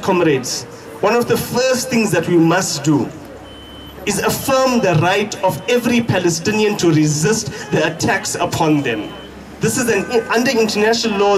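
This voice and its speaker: High-pitched South African man, fiery protest speech. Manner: emphatic, deliberate rhetorical phrasing with repetition. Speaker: activist speaker at a protest rally. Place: outdoor protest. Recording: distant mic, noisy outdoor street ambience.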